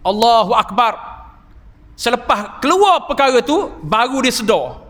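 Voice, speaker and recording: A man preaching an evening mosque sermon, telling stories with animated emphasis and exclamations. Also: very high voice, unhurried. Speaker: Islamic preacher and healer. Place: large mosque. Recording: reverberant mosque hall.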